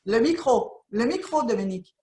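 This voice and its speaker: A woman with a slightly high voice moderates an online discussion, brisk and encouraging as she hands the floor to others. Her voice rings with the echo of a bare room. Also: lively intonation, warm tone, a little hiss or hum. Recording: echoey room sound.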